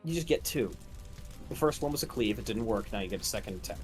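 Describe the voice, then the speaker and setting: A man's voice: lowish voice, animated, fast talker, soft background music. Man game-mastering a tabletop game. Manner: descriptive, rules-explaining.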